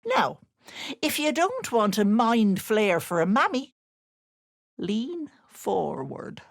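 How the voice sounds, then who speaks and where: A woman's voice: on the high side, very animated, slow pace, no room sound, studio quality, heavily acted. A woman playing a sly, wicked old hag in a video game, posing as a sweet auntie, with cloying endearments laid over gloating menace. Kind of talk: video game character voice acting.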